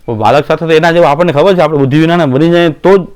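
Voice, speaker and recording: Guy preaching, folksy stories, smooth clear voice kinda high. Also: very fast, a little mellow. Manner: folksy, acts out quoted voices, laughs often. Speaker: religious teacher. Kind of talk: devotional story discourse.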